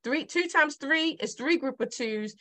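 She's a middle-aged math teacher with a Baltimore accent, sitting high in pitch, animated and a bit bright, speaking a little slowly. Teaching multiplication on a digital whiteboard, she keeps the lesson casual and chatty while repeating her questions to the viewer.

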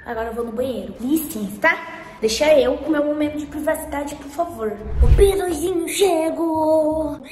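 A woman's voice: high voice, normal speed, darkish tone, slight background noise. A young woman with a Brazilian accent, chatting playfully to her viewers in a casual vlog. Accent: Brazilian Portuguese. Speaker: vlogger. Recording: echoey room with music behind.

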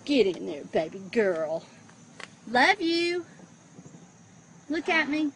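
A woman with a high, very animated voice speaks slowly and coaxingly, with amusement. It is casual caregiver talk on a handheld phone recording. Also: a little hiss or hum. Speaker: caregiver filming and soothing a teenager. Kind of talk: casual chat. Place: outdoors, then inside a car.

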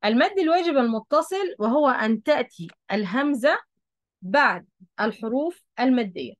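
A woman's voice, on the high side with lively intonation, moves at a moderate pace in a dry recording. Speaking with an Egyptian Arabic accent, she patiently explains a Quran recitation rule at a board, restating key points and checking her students follow.

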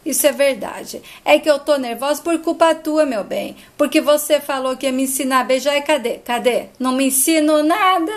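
A woman voicing a loud, bossy salon owner who scolds her clients. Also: high voice, moderate pace, close to an everyday voice. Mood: brassy. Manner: loud, scolding, calling everyone "bem".

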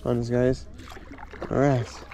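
While paddling on a lake, a vlogger chats casually to viewers in a medium-pitched, level voice at a slow pace, rambling, repeating words, and constantly saying "guys." An action camera mounted on his board records him, picking up water splashing and paddling.

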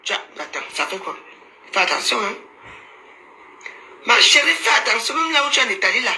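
Brief: woman, live-stream commentator, sharp bright voice, mocking and scolding, roomy phone sound. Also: a little high, sing-song, a little fast. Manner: teasing, mocking, laughs often, scolding asides. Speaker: social media commentator. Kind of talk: casual Facebook live commentary. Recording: roomy echo, faint background noise.

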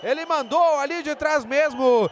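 A Brazilian man calls live futsal in explosive goal commentary, his voice pushed extremely high as he shouts drawn-out calls. Clear gym noise surrounds him. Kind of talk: live play-by-play sports commentary. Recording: noisy sports hall ambience.

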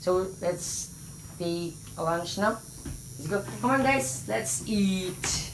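A woman's voice: medium pitch, takes it slowly, noisy background. A woman playing a doting young fiancé. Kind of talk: amateur student film acting.

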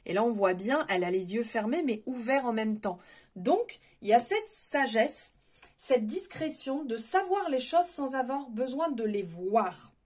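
A woman giving a spontaneous spiritual tarot reading, gentle and advising, often hesitating and restarting her words. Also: fairly high pitch, lively intonation, a little slow, husky. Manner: hesitant, many fillers and restarts. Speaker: tarot reader.

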